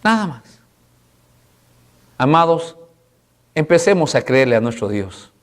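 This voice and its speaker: A man preaching a sermon as pastor, pleading with the congregation through repeated rhetorical questions and swinging from loud, high exhortation to low, soft passages. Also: very animated, slow.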